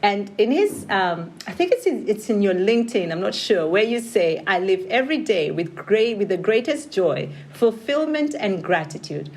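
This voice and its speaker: A woman's voice: mid-range voice, big pitch swings, normal speed, few pauses, darkish tone, slight background noise. A woman with a Kikuyu Kenyan accent hosting an interview podcast. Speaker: podcast host. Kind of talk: scripted introduction and warm interview chat.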